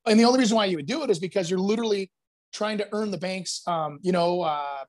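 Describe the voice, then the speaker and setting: A man's voice: high-pitched, fast talker. A man who works as a real estate agent, chatting casually and telling long stories, acting out other people's lines as he goes. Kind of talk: casual podcast chat.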